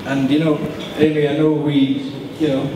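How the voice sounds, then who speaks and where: A man giving an informal wedding toast as best man, joking and chuckling through a halting delivery, recorded from afar in an echoey hall with guests around. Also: a little high, little pitch movement. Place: large reverberant room at wedding reception. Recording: echoey hall, far mic, audience noise. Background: wedding guests chattering and reacting.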